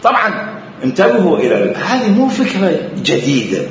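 A man's voice: high-pitched, huge pitch swings, fairly quick, slight background noise. A man with an Iraqi accent giving a religious lecture, emphatic and repeating phrases for stress. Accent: Iraqi Arabic. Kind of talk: lecture on Islamic jurisprudence. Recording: echoey hall, dull lo-fi sound.

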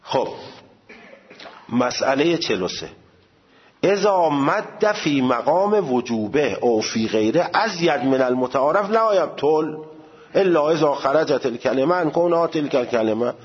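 A man teaching the rules of prayer recitation, reciting Arabic examples with drawn-out vowels and jumping up in pitch to stress his points. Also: lively intonation. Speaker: religious teacher. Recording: dull lo-fi recording.

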